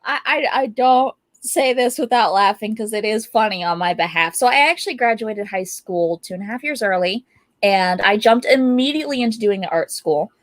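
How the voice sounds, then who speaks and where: An animated young woman recounts her path into art as an interview guest. Her telling is upbeat and bubbly, with laughter breaking in. Her voice sits mid-range and sounds dry and close. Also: medium pitch, brisk, no echo. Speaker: guest artist. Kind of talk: casual interview storytelling.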